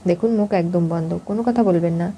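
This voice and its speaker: A woman's voice: fairly low pitch, a little fast, warm tone, a little hiss or hum, natural voice. A woman doing a cheeky newspaper boy. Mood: teasing. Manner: teasing. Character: cheeky young newspaper delivery man.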